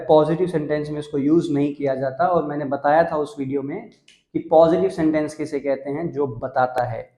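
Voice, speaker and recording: A man's voice: fairly high pitch, dark tone, reverberant. A young Indian man teaching English grammar on a video channel, explaining step by step and mixing English terms into Hindi. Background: dogs barking.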